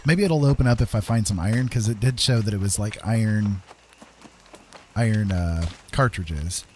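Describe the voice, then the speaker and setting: This man speaks in a lowish voice at a normal pace, musing to himself in a meandering way as he streams a game live. Clear game noise plays behind him.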